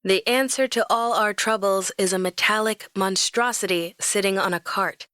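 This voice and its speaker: A young adult woman narrating a first-person romance audiobook in a lively, expressive storytelling manner. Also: medium pitch, moderate pace, dry recording.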